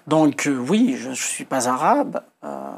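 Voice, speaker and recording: This is a slow, sing-song, husky male voice on the high side, marked by vocal fry. The speaker, a middle-aged Kabyle man from Algeria, is explaining his views as an author in a TV interview recorded in an indoor studio, stressing key points and hesitantly repeating words.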